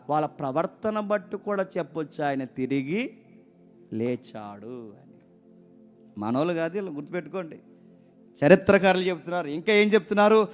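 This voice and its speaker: High-pitched man preaching a sermon. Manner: rhetorical questions to the congregation, urging them to listen; emphatic, repeats key words.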